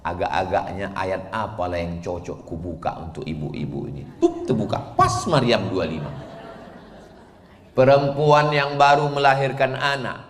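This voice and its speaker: A man, preaching in a lively religious lecture, teasing the crowd with questions and chanting verses. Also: on the low side, a little slow. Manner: playful, teasing questions, chanted Quran recitation. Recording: echoey hall with long reverb.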